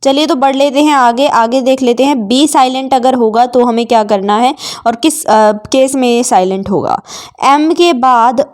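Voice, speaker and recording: A woman teaching a spoken lesson in a fairly high voice. She spells words out letter by letter and says each one twice, slow and patient. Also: a little mellow. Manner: slow, careful, repeats each word twice. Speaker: English teacher. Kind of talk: spoken Hindi vocabulary lesson.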